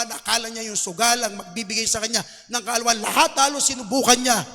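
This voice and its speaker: A male pastor with a Filipino accent preaching a sermon, mixing Tagalog and English and building to loud exhortations. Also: very high voice. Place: church hall. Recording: long hall reverb.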